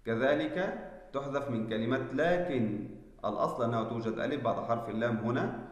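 A male teacher giving a spelling lesson, explaining slowly and deliberately and checking that students follow. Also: medium pitch. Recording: echoey room with long reverb.

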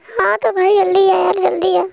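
A man doing a shrill panicky gaming teammate. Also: flat delivery, moderate pace, gravelly, crowd noise, exaggerated voice. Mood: panicky, pleading. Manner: shrill pleading. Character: panicky whiny teammate begging for rescue.

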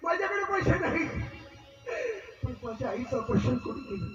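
Man acting desperate poor son, wailing pleas, very high voice, stage drama, far-off dull recording. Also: expressive, normal speed, exaggerated voice. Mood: anguished. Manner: anguished wailing pleas, sobbing shouts. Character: desperate poor young son pleading with god. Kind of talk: live folk stage drama. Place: open stage performance. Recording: echoey distant lo-fi stage recording with loud music.

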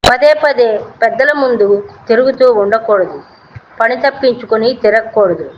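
A woman recites classical verses in a slow sing-song chant and then explains their meaning in plain speech. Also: on the high side. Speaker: poetry explainer. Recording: dull lo-fi audio with faint noise.

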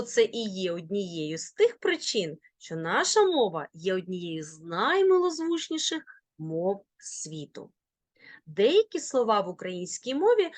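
Woman teacher, slow and deliberate, lively sing-song delivery, dry close mic. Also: medium pitch, no echo. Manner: slow, clear pronunciation of example words. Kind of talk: video lesson.

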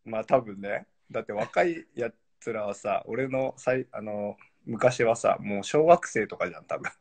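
Low-pitched, expressive and creaky with a darkish tone, this man's voice moves at a moderate pace. He's a pro footballer in his 40s appearing on a live stream, laid-back and joking, with plenty of laughter.

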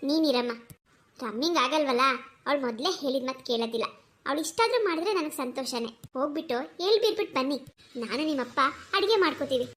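Woman voicing a cartoon granny, old, kindly, preachy, very high voice, quick talker. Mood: cheerful. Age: older. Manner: warm, soothing, preachy, lively. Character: kindly talkative old grandmother. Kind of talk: cartoon voice acting.

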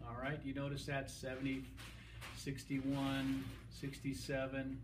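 A man's voice: medium pitch, monotone, measured pace, background noise. Middle-aged man explaining in a clinic. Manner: explanatory, directing a camera operator. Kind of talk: demonstration lesson. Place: clinic room, indoors. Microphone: camera mic from a few feet away.

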